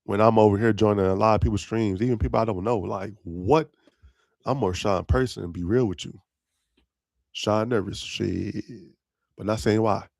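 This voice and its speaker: A young man talks through his solo podcast in loose, rambling slang and keeps breaking into laughter at his own lines. His voice sits on the low side with a gravelly, crackling edge. The sound is dry and close, with almost no room around it. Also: fairly even intonation, normal speed, a little mellow, no room sound. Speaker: podcast host. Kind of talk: casual solo podcast chat.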